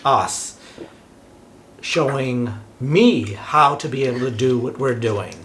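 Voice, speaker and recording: A man's voice: medium pitch, slow, a bit bright, slight background noise. A man chatting casually and tipsily, rambling through a Q&A as a travel vlogger. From United States. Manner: tipsy, rambling speech. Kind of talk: casual chat, Q&A.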